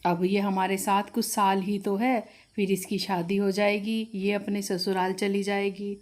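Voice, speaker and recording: A woman's voice: mid-range voice, flat delivery, a little slow, pitched below the performer's own voice, close to an everyday voice. A woman voicing a middle-aged mother-in-law who scolds protectively. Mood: doting. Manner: scolding, protective of her daughter.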